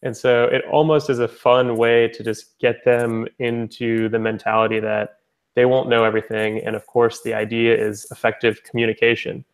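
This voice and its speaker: A man's voice: medium pitch, flat delivery, normal speed. A young man giving a casual spoken presentation, rambling a little, with lots of "um"s and restarts. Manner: rambling, with many fillers and restarts. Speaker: founder presenting his language-exchange platform.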